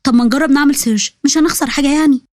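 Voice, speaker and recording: A woman's voice: high-pitched, very fast, a little mellow, dry recording, clean studio sound, lightly acted. A woman voicing a playful, curious young roommate with an Egyptian accent, who talks in a teasing way. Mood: eager.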